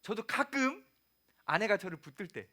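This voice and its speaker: A man's voice: high voice, very animated, normal speed, sharp tone. A man preaching a sermon to young adults in a conversational way, asking the congregation questions and acting out quoted lines. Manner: acts out quoted lines, sometimes dropping to a whisper; humorous personal asides. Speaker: youth pastor.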